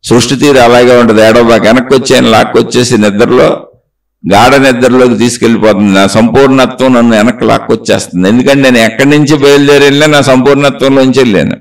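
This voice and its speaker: A man's voice: medium pitch, fairly even intonation, fast talker, vocal fry, low-quality recording. A man teaching as a spiritual teacher, delivering a spiritual discourse in rhythmic chains of repeated phrases and rhetorical questions to the listener.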